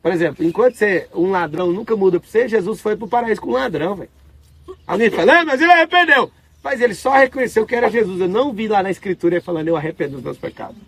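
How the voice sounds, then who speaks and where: A man with a Brazilian Portuguese accent giving a casual spiritual talk to an audience, telling stories in animated, slangy speech. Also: high voice, racing, husky, no echo. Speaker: spiritual speaker.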